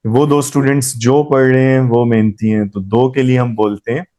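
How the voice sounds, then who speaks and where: A man's voice: medium pitch, steady tone, moderate pace, warm tone. A man teaching a grammar class, explaining patiently and quizzing his students as he goes. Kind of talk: live class lesson.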